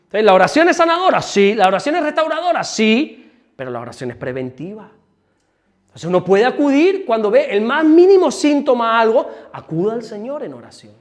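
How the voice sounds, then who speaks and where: A pastor with a high-pitched male voice preaches to his congregation. He tells anecdotes with lively energy and acts out the voices of the people in them. Sometimes he drops to a quiet aside, then rises again to a fervent pitch. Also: brisk. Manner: animated storytelling preacher, acts out quoted speech. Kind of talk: sermon. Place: church service.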